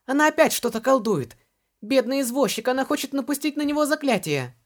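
A man's voice: very high voice, animated, brisk, pitched above the performer's own voice. A man voicing a sly, giggling young male servant who whines and squeals with theatrical mock fright in an audiobook. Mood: mock terror.

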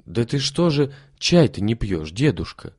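A man's voice: mid-range voice, sing-song, measured pace, no echo, studio quality. A man putting on a kindly, coaxing hostess. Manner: gentle, coaxing. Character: kind, caring middle-aged woman host.

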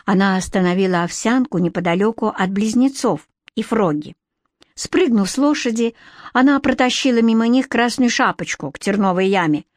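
A woman reading a storybook aloud as narrator, lively and expressive. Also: medium pitch, normal speed, dry recording, studio quality. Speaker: audiobook narrator.

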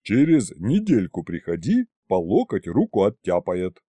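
A rough, blunt male dragon grumbles in a lowered, growling voice, played by a man reading an audiobook. The tone is warm and dark. The sound is close and dry. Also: wildly swooping pitch, measured pace, no echo, exaggerated voice. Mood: gruff. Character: gruff grumbling male three-headed dragon.

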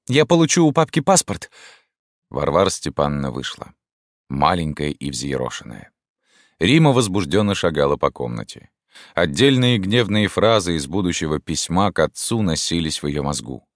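Deep-voiced guy reading a story aloud, lively melody, dry close sound. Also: moderate pace, no room sound. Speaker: narrator. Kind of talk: audiobook reading of classic prose.

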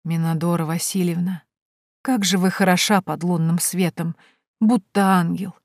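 A woman reading an audiobook voices an ardent young male detective who speaks slowly and gallantly. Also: lowish voice, no echo, natural voice. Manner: warm, slow, gallant.

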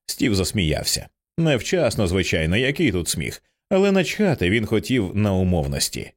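A man narrating an audiobook with an expressive, dramatic reading. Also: lowish voice, moderate pace.

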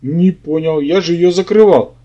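A man voicing a rough, aggressive male police officer who barks coarse threats, in a dull lo-fi recording. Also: fairly high pitch, moderate pace, mellow, close to an everyday voice. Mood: gruff.

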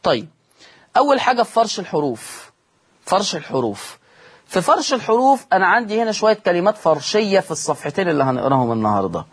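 A man with an Egyptian accent gives a recitation lesson for broadcast. His voice is fairly high and a bit husky. He keeps repeating his key points and answers his own questions. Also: very animated, quick pace. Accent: Egyptian Arabic. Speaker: Quran recitation teacher. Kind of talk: televised religious lesson. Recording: studio broadcast.

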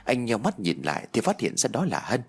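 A man narrating a ghost story audiobook in an expressive storytelling manner. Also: mid-range voice, a little fast, husky.

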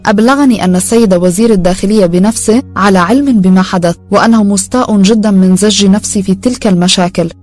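A woman reads an audiobook at a brisk pace, with a steady storytelling manner. Her voice sits at a middling pitch for a woman. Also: faint music behind. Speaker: narrator. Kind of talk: audiobook narration.

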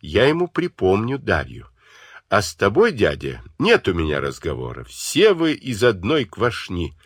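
A man's voice: on the low side, huge pitch swings, unhurried, husky, no room sound, studio quality, full character voice. A man voicing a furious scornful young woman. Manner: shouting scornful accusations. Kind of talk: audiobook character voice.

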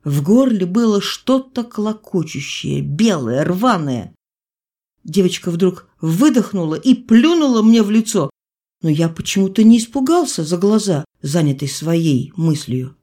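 Brief: female audiobook reader, measured literary narration, low-pitched voice. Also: sing-song, dark tone.

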